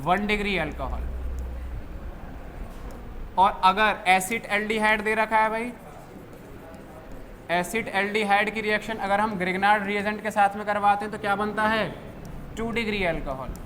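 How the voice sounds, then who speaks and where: A man's voice: normal speed, pauses often, pushed and bright. Man teaching chemistry, quizzing himself aloud. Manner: asks questions and answers them himself, drops pitch on answers. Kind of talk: classroom lecture. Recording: faint background noise.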